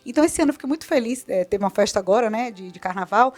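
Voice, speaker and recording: Earnest Brazilian woman, animated talk. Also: fairly high pitch, very fast. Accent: Brazilian Portuguese. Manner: earnest and animated, repeats herself for emphasis. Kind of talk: conversational interview.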